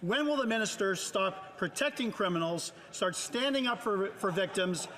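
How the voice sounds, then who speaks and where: A man's voice: high voice, animated, moderate pace, fairly bright tone. A man giving an emphatic, accusatory political speech as an opposition member. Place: large indoor legislative chamber. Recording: long reverb of large chamber.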